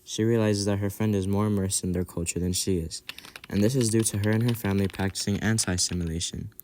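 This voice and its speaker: A man reading scripted documentary narration in an even, read-aloud delivery. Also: on the low side, quick pace.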